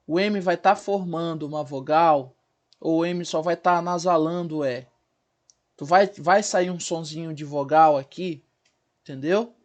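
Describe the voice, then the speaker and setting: A male teacher, giving a recorded grammar lesson and sounding out words slowly, syllable by syllable, often checking in with his class. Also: fairly high pitch. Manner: checks in with the class, asking "né?" and "certo, gente?".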